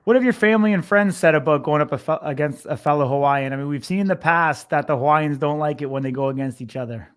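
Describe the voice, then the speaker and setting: A man's voice: on the high side, fast talker, hardly any pauses, smooth. A man working as an interviewer, asking long, rambling questions in a conversational sports interview style.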